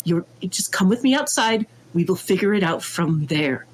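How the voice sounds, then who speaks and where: Woman doing a calm, soothing fantasy character. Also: on the low side, normal speed. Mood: reassuring.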